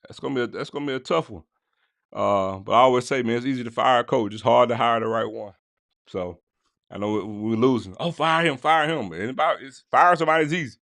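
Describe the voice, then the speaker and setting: Animated man hosting a sports podcast. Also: mid-range voice, fast talker, vocal fry, no room sound, studio quality. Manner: animated, slangy, talks straight to listeners and chat. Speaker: podcast host. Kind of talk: casual sports podcast monologue.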